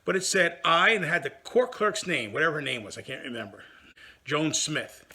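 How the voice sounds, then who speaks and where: Lively New man with a raspy, gravelly edge, telling a story with outrage and plenty of stumbles. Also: on the high side, brisk. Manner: animated and indignant, with many restarts. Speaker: head of a law practice. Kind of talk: casual storytelling monologue.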